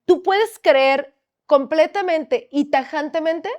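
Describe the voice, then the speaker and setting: Woman, high voice, earnest faith storytelling. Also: slow. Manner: earnest, animated, with vivid retelling and quoted dialogue. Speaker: podcast host sharing a testimony.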